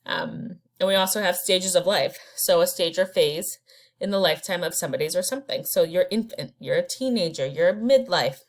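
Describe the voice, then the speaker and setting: A woman instructor with a lowish voice teaches from her slides at a moderate pace in a recorded lecture. Her style is conversational and unpolished, with fillers and restarts between points.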